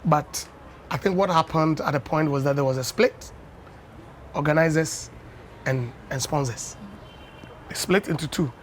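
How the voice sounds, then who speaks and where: On a breakfast TV interview in a television studio, a Ghanaian former dance champion in his fifties tells anecdotes at an unhurried pace, often dropping in "you know." His voice is a little high, with a slight hiss or hum in the audio.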